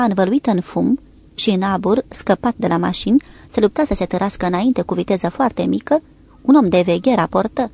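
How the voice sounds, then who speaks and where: A woman reading a naval war novel aloud as audiobook narration, in a steady, measured way, lifting her voice slightly for the characters' lines. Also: mid-range voice, creaky, breathy edge.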